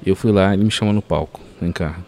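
A man's voice: fairly low pitch, rapid-fire, a little hiss or hum. A man telling a story as a podcast guest, full of fillers like "cara". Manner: animated storyteller, many fillers like "cara" and "assim, ó".

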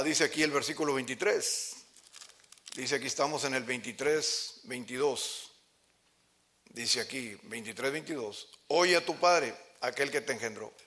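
A male pastor preaches with passion. His bright, forceful voice leaps to loud cries and drops to low murmurs. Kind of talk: sermon. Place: church sanctuary.

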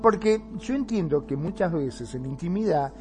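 A man with a Rioplatense Spanish accent tells a story in an easy, animated way, his voice sitting fairly high for a man. Faint music plays behind him. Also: moderate pace. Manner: animated storyteller, acts out quoted shouts. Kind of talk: casual chat.

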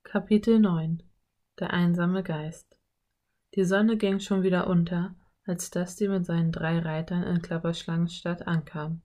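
A woman reading a children's story as narrator in an even storytelling manner. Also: fairly low pitch, measured pace. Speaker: audiobook narrator. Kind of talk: scripted narration.

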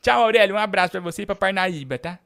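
A man hosting a live show, reading out shout-outs and teasing a caller in a playful way. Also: high-pitched, quick pace, creaky, smooth. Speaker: host.

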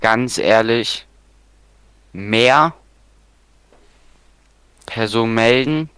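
A man's voice: medium pitch, very slow, a bit bright, smooth, dry recording. A young man chatting casually as a podcast co-host in a blunt, teasing, slangy way. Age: young adult. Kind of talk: casual chat.

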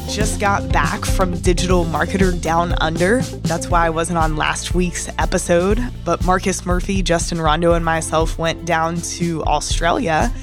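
A woman's voice: on the low side, little pitch movement, a little slow, hardly any pauses, music in the background. A young woman in her twenties co-hosting a podcast in casual chat, sounding nasal from a cold, with a slight Texan accent, upbeat and chatty. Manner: upbeat, chatty, laughs easily. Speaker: podcast co-host.

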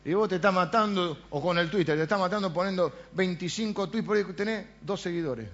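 High bright-voiced preacher. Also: male voice, brisk, highs cut off, a little hiss or hum. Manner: rhetorical questions, often dropping to a quiet aside. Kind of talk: sermon.

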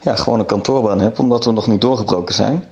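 A man's voice: lowish voice, fast, darkish tone. A man, a band's second vocalist, speaking casually and drily joking in a voicemail message that is played back. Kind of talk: casual recorded voicemail greeting.

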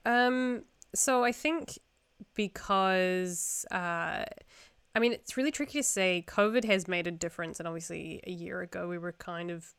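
A young woman from New Zealand talks casually as a podcast co-host. Her voice is clear and smooth, slightly low, and she tells her stories informally with some amusement at herself. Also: measured pace, fairly bright tone, dry recording. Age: young adult. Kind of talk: casual conversational storytelling.

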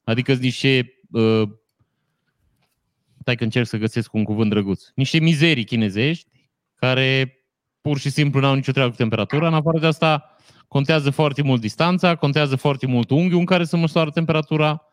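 A man's voice: mid-range voice, no echo. A man, co-hosting a casual chat and giving long technical explanations with dry jokes. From Romania.

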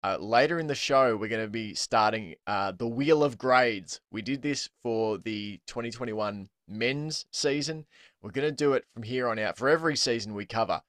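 A man's voice: medium pitch, moderate pace, a bit bright, no room sound, studio quality. Chatty Australian man hosting a footy podcast. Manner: chatty, laughs often, many ums. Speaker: podcast host. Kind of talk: casual sports podcast chat.

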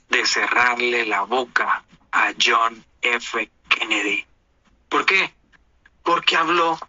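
A man's voice: medium pitch, bright, forceful tone, breathy edge, no room sound, muffled recording. A man from Honduras with a Honduran Spanish accent, delivering an indignant, preachy opinion monologue as a commentator.

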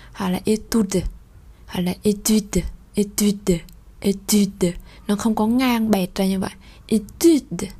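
A woman leads a French pronunciation lesson in a warm, mellow voice. She drags out model phrases at a very unhurried pace and often drops to a whisper before explaining in brisker, chatty asides. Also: medium pitch. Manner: reads model phrases slowly and repeats them, sometimes whispering; explains quickly in a conversational way.

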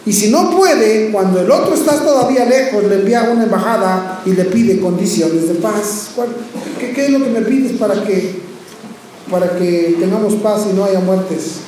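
A male pastor preaches in a church, calling out to the brothers and sisters and often stumbling over repeated words as he restarts. His voice sits very high. The sound is drenched in room echo, with faint noise underneath. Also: moderate pace, warm tone. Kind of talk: sermon. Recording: very echoey church hall with faint background noise.

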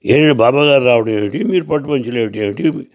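A man's voice: mid-range voice, quick pace, close to an everyday voice. A man voicing a skeptical wife who questions her husband in disbelief. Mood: incredulous. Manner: questioning, incredulous. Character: puzzled skeptical wife at home.

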